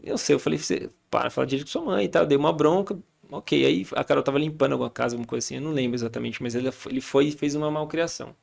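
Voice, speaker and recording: Brazilian man in his thirties, podcast guest, very gravelly, talks fast, acts out family scenes. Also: a little high, a little mellow. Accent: Brazilian Portuguese. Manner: storytelling, acting out family dialogue. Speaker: podcast guest, father and church leader. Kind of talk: casual chat.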